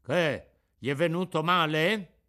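A man's voice: a little high, slow pace, sharp tone, voice pushed up. A man voicing stern military policemen who give curt, commanding orders in a dramatic radio reading.

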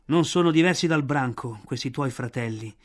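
A man voicing an old, calm and wry wolf in an audiobook. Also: mid-range voice, normal speed, lightly acted.

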